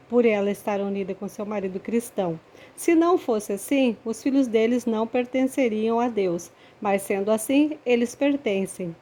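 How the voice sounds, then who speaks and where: A Brazilian woman reading the Bible aloud for children, with measured, clearly phrased delivery. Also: a little high, mellow. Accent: Brazilian Portuguese. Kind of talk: read-aloud scripture reading.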